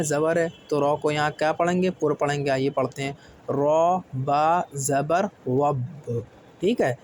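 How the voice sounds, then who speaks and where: A man leads a careful Quran recitation lesson. He breaks each word into letters and vowel marks. His slightly high voice keeps checking that the learner follows, over faint background ambience. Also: darkish tone, a little hiss or hum. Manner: patient, often asks "theek hai?", spells letters slowly. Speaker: Quran tajweed teacher. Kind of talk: slow step-by-step recitation lesson.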